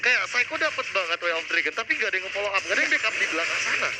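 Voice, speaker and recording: A man's voice: high voice, big pitch swings, rapid-fire. A man casually analysing a game during a live commentary. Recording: loud background noise.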